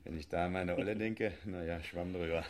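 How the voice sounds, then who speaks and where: This low, natural male voice with fairly even intonation and a slightly fast pace belongs to an actor in a satirical sketch. He portrays a smug married riot cop and father who defends heavy-handed policing with self-righteous, conspiratorial chuckles.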